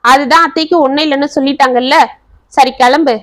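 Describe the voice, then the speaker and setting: A woman's voice: high voice, steady tone, fast talker, fairly bright tone. A woman voicing an impatient, grumpy middle-aged man. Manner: impatient, dismissive.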